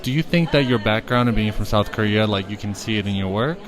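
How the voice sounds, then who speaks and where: Quick-talking, upbeat male podcast host. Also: fairly low pitch, crowd noise. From Brazil. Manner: upbeat, encouraging, quick questions. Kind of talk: casual interview at an art fair. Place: art fair booth.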